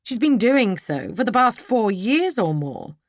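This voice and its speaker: A woman voicing a sly, mocking young gentleman villain for an audiobook. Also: a little high, sing-song, unhurried, dry recording, pitched above the performer's own voice. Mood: smug. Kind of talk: audiobook character voice.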